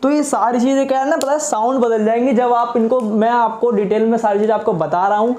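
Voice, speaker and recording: A man's voice: extremely high pitch, steady tone, quick pace, a little mellow. A man teaching English spelling rules, patiently asking rhetorical questions and answering them himself, repeating each point. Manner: patient and repetitive, says each word twice. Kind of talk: explaining spelling rules in a lesson. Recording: echoey room.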